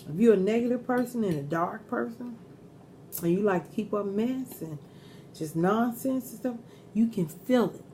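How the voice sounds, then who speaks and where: A woman's voice: mid-range voice, lively intonation, moderate pace, dark tone, slight background noise. A middle-aged woman chatting casually and giving earnest advice while eating crunchy fried chicken in a mukbang. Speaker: mukbang host.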